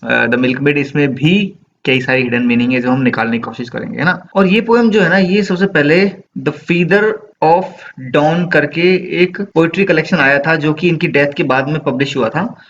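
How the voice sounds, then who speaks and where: A man teaching a poem to students in a lecture, reading the verse lines slowly and asking rhetorical questions. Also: a little high, fairly bright tone. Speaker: English literature teacher. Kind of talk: Hindi-English poetry lecture. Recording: dull, lo-fi with faint background noise.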